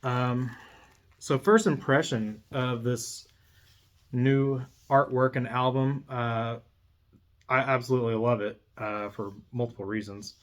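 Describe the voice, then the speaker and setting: In an unboxing video, a man talks off the cuff in a loose, conversational ramble. He speaks slowly in a mid-range voice, and a steady hum runs under an otherwise clear recording.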